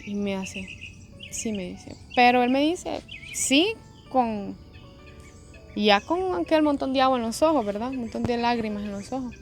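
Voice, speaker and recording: A woman's voice: a little high, lively intonation, normal speed, soft background music. A woman telling a personal faith testimony in a conversational, reflective way, often adding tag questions. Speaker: testimony vlogger.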